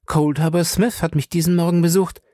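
A man's voice: fairly high pitch, steady tone, brisk, warm tone, no echo, studio quality, voice pushed up, natural voice. A man reading an audiobook voices a married society woman who speaks in an affected, urgent way. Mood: affected, worried. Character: poised married woman, worried and a little affected. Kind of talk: audiobook character voice.

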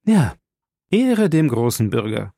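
A man's voice: mid-range voice, big pitch swings, slow, gravelly, dark tone, no room sound, clean studio sound, exaggerated voice. A man reading the part of an astonished, curious male professor in an audiobook, asking many questions with a wondering tone.

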